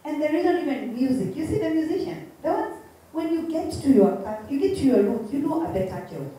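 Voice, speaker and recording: A mellow-voiced woman with a Kikuyu Kenyan accent speaks emphatically in a motivational interview style. She repeats her phrases and throws out rhetorical questions. The room is very echoey and the microphone sounds distant. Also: sits high, sing-song, brisk. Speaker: interview guest, entrepreneur. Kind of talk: animated motivational interview talk. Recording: very echoey room, distant mic, faint noise.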